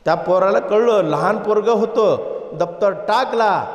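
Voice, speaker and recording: A man preaching a sermon and telling a folk story, with loud emphatic peaks and sudden low asides. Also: measured pace. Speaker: spiritual preacher. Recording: echoey hall with long reverb.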